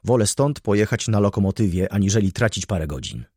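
A man reading an audiobook voices a tense middle-aged merchant who speaks low, clipped and grim. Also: expressive, quick pace, mellow, slightly rough, no echo, clean studio sound. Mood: terse.

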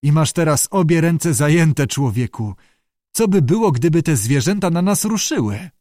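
A man's voice: fairly high pitch, animated, normal speed, mellow, no echo, pitched above the performer's own voice, natural voice. A man voicing a cool, critical inner voice that makes dry, mocking remarks, in an audiobook reading.

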